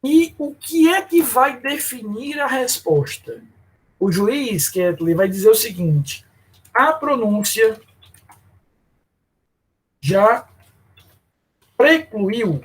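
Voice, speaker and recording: A man's voice: very high voice, takes it slowly, breathy edge. A man teaching law in a lecture, explaining step by step and calling on students by name. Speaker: law professor. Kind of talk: live online lecture.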